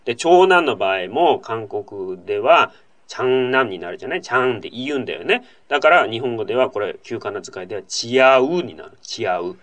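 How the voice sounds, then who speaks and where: A man's voice: mid-range voice, animated, brisk, fairly bright tone. A male host in casual radio-style talk, reading out a listener's letter and then explaining at length in a chatty way, full of asides and tag questions.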